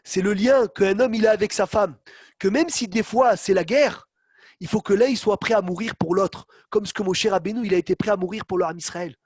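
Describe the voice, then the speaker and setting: A man with a high voice teaches a Torah class on a video call, animated, acting out quotes and calling on students by name. The sound is very dry and close. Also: a little fast, husky, dry recording. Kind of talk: online Torah lesson.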